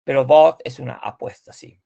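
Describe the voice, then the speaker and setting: A man teaching a language class, slowly explaining pronunciation, repeating words and correcting his students. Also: mid-range voice, gravelly, warm tone, lo-fi sound. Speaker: Swedish teacher.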